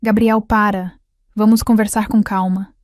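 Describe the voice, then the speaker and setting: A woman voicing a middle-aged father caught cheating, pleading quietly, in a narrated story. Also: mid-range voice, little pitch movement, unhurried, dry recording, clean studio sound, close to an everyday voice.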